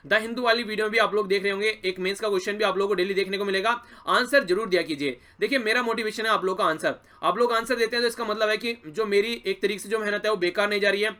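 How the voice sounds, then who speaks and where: Fast, bright-voiced male current affairs teacher. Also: high-pitched. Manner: chatty, encouraging, addresses viewers directly. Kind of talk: exam-prep news lesson.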